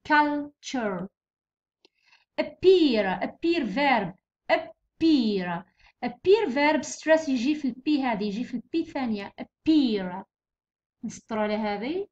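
A young woman with an Algerian accent teaching an exam revision lesson, explaining patiently and repeating words slowly and clearly. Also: high-pitched. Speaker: English teacher. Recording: dull lo-fi recording.

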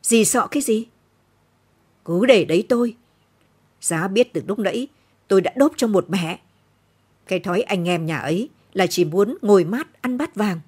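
Shrewish older countrywoman, loud and shrill, husky edge, read by a woman narrator. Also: expressive, moderate pace, pauses often. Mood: defiant. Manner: scolding, shrill, loud outbursts. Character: fierce older peasant woman, shrewish and combative.

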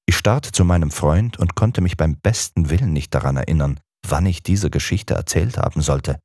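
A man giving a measured, scripted first-person audiobook narration. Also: extremely low pitch, a little mellow, no echo, clean studio sound.

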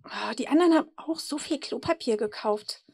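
Sweet embarrassed unicorn, soft and sheepish, read by a woman. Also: high-pitched, brisk, creaky, husky, no room sound, studio quality, full character voice.

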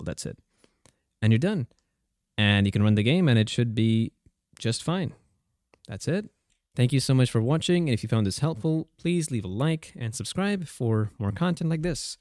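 A man giving a casual, conversational software tutorial as a voice-over, a little hesitant in his delivery. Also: medium pitch, no echo, clean studio sound. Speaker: tutorial host.

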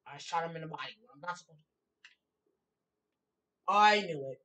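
A woman streaming a horror game, reading in-game notes aloud and breaking into loud exclamations and commentary. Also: low voice, moderate pace, far from the mic, rough recording. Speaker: gaming streamer. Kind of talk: let's play commentary.

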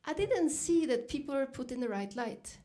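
A woman's voice: animated, moderate pace, dark tone. Woman giving a keynote. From Norway. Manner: reflective storytelling, lifts pitch when quoting herself. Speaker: keynote speaker. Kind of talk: dinner keynote speech.

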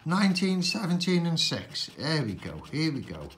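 A man's voice: a little high, huge pitch swings, moderate pace, fairly bright tone, a little hiss or hum. Man calling numbers like a bingo caller. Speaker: host of a scratch card channel. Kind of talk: casual chat while scratching cards. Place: indoors at a tabletop.

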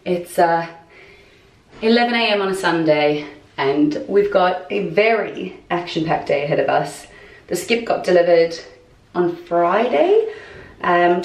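A woman's voice: on the low side, a little hiss or hum. A young woman, chatting casually to camera in a renovation vlog from rooms in her home, self-deprecating and lightly swearing. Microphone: handheld camera or phone at arm's length.

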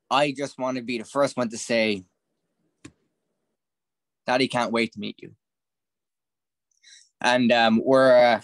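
A man's voice: medium pitch, no room sound, natural voice. A man with a Southern Irish accent reading a young man's hesitant, swearing message to his unborn baby at a script read.

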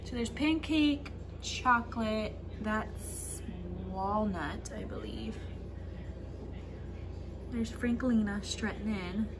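A woman's voice: mid-range voice, takes it slowly. A young woman, chatting casually on a homestead vlog and talking to her chickens, filmed on a phone at arm's length. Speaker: homestead vlogger. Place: backyard chicken run outdoors and home kitchen. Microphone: phone held at arm's length. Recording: outdoor noise with clucking chickens. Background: chickens clucking and roosters crowing.

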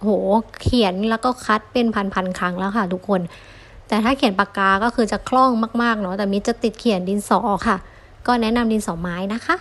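A woman's voice: medium pitch, fairly even intonation, brisk, a bit bright. A young woman giving a friendly online lesson, patiently sounding out syllables one at a time for learners. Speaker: Japanese language teacher.

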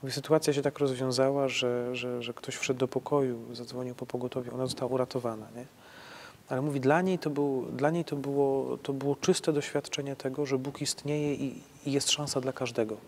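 A man's voice: mid-range voice, darkish tone, a little hiss or hum. A man, a priest, answering questions on faith in a conversational way, restarting his sentences and often ending them with a tag question. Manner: conversational, halting restarts, frequent tag "nie?".

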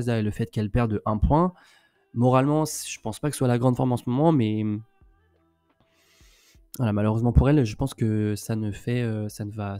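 A man's voice: fairly low pitch, warm tone, clear, resonant tone, no room sound, clean studio sound. A man co-hosting a casual streamed sports talk show, recapping games with lots of fillers and restarts as he reels off stats. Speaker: co-host of a women's basketball talk show.

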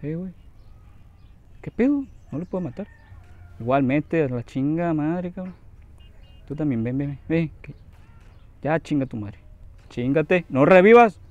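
A young man with a Mexican Spanish accent commenting on his own gameplay, excitable and swearing, yelping when in danger. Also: on the high side, a little slow, pauses often, muffled recording. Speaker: gameplay streamer. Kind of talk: gaming commentary.

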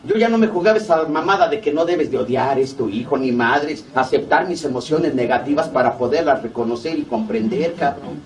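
A man's voice: a little high, fairly quick, hardly any pauses. A middle-aged man with a Mexico City accent giving a blunt, heavily profane recovery testimony, acting out both sides of remembered conversations. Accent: Mexico City Spanish. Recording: distant mic with faint background noise.

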